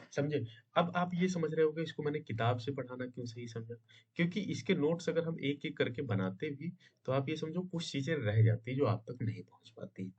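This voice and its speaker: A man teaching an exam-prep grammar lesson, asking himself questions and answering them, often checking in with his students. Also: medium pitch. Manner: checks in with "है ना?" and "समझे?". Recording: dull lo-fi sound.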